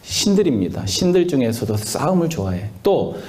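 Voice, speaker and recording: A man gives a Buddhist sermon in a temple hall. His low, mellow voice swings widely in pitch as he puts questions to the listeners and then answers them himself. His tone stays warm and relaxed. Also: normal speed. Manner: asks the listeners questions and answers them, with lively rises and falls. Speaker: Buddhist monk preaching.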